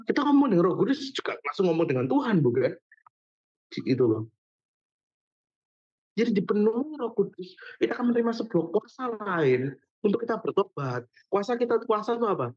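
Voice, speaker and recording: A young man leads a casual youth Bible study. His voice sits on the higher side, and he tells stories in a chatty, animated way full of slangy asides. The recording sounds dull and lo-fi. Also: a little fast, long pauses, breathy edge. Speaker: small-group Bible study leader. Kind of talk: casual teaching to a youth group.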